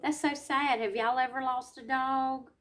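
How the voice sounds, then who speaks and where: Reading a picture book to small children, this female educator speaks slowly in a high voice, stepping out of the story now and then to explain in simple terms and quiz her audience. Her intonation stays fairly even, and her tone is fairly bright.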